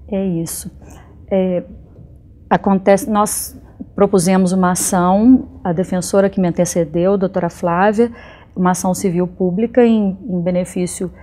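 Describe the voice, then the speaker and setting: A woman from Belo Horizonte with a Minas Gerais Brazilian accent, a public defender answering interview questions in a measured, earnest way. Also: on the low side, fairly even intonation, dark tone. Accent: Brazilian Portuguese, Minas Gerais.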